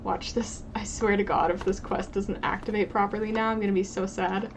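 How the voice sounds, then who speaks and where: A woman's voice: mid-range voice, little pitch movement, brisk. A young woman streaming a game and chatting casually, swearing and talking to the characters as she plays. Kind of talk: casual gameplay commentary. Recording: noisy stream audio.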